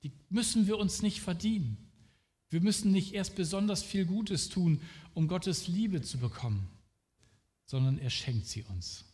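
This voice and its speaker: A man's voice: high-pitched, lively intonation, unhurried, a little mellow, big-room sound. A man preaching a sermon in an earnest way, speaking directly to the listener.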